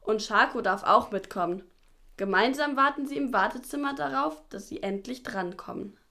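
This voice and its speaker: A woman narrates a children's audio drama in a calm, explanatory way. Her voice sits somewhat high. She links the scenes with plain scripted narration. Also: moderate pace, gravelly.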